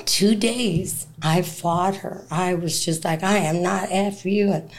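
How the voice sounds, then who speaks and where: A woman telling her personal testimony as a guest, animated, acting out the voices of people in her story and laughing as she talks. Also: fairly low pitch, slow. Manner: animated, acts out quoted dialogue. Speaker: interview guest.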